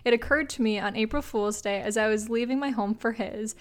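A woman's voice: a little high, a little fast. A woman co-hosting a casual podcast, reading listener stories aloud in an easygoing, chatty way and laughing often. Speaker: podcast co-host.

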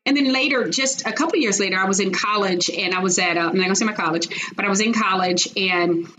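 A middle-aged woman from Chicago recounts her past in an earnest, lively way, circling back and restarting her sentences as she talks. Her voice sits in a middle pitch. A faint hiss of noise runs under the recording. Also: fast talker. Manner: animated, earnest storytelling with restarts. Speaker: guest. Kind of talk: personal storytelling interview.

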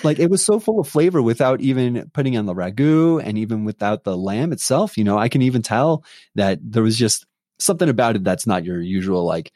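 A man's voice: medium pitch, lively intonation, brisk, dark tone, no echo, studio quality. A man interviewing a chef in casual chat, upbeat and laughing often as he gushes about the meal. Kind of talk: casual conversation.

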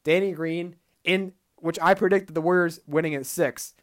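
A young man co-hosting a podcast in casual sports chat, often trailing off and unsure, and getting louder when he argues his pick. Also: on the high side, steady tone, normal speed. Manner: hesitant, trailing off, then heated when arguing. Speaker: podcast co-host.

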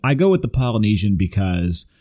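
Male podcast co-host, slightly low pitch, eager and quick to laugh. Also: big pitch swings, mellow. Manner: enthusiastic, laughs easily. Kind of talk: casual chat.

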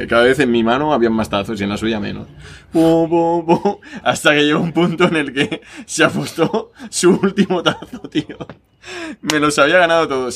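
Casting: young Spanish man, podcast co-host, animated storyteller who acts out voices. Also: gravelly, slight background noise. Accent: Spanish from Spain. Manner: animated storyteller, jumps high when acting out voices, laughs often. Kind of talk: casual chat, storytelling.

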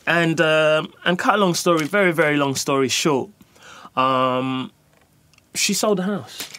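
A middle-aged man, a guest telling his story in a lively, casual way and often asking "you know what I mean". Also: on the high side, measured pace, smooth.

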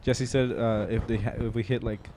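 A man's voice: mid-range voice, steady tone, normal speed, noisy background. A young man co-hosting a podcast with casual, slangy, joking banter. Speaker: podcast co-host.

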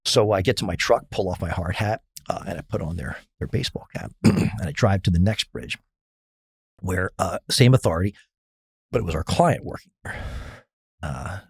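A man's voice: sits low, expressive, moderate pace, gravelly, husky, dry recording, studio quality. A middle-aged man telling a long self-mocking story in a casual interview, with many fillers. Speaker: risk consultant guest.

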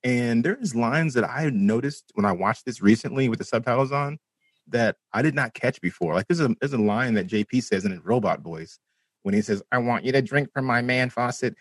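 A man co-hosts a podcast, chatting loosely about movies with friends, rambling and cursing freely. His husky voice sits in the mid-range, animated and at a moderate pace, on a dry recording.

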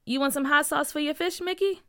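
A woman's voice: sits high, brisk, a bit bright, no room sound, clean studio sound, pitched above the performer's own voice. A woman voicing a playful, teasing father in a storybook reading. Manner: jokey, teasing.

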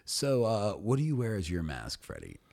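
Casting: male podcast host, very low voice, quick wisecracks. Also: wildly swooping pitch, creaky, darkish tone. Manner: jokey interjections, laughs often. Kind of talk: casual chat.

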